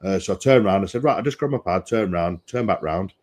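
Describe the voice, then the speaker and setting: A man who runs a tattoo studio, guesting on a casual podcast and telling a lively anecdote, acting out voices and laughing often. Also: sits low, fast talker.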